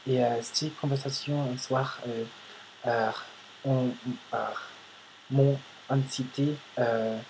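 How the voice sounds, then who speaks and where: An American man speaks with an American accent, pausing often to search for words in a halting, unscripted monologue. His voice stays flat and level throughout, with little rise or fall. The home computer-mic recording has clear background noise under it. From United States. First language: English. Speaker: language learner vlogger. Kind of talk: casual spoken practice monologue. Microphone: computer microphone. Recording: noisy low-quality home recording.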